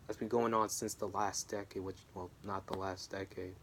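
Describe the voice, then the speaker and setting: A tired wrestling vlogger rambles through his predictions in a casual vlog from a room at home, interrupting himself and drifting off topic often. His voice is deep and a bit bright, with a level tone and moderate pace. Slight background noise is audible.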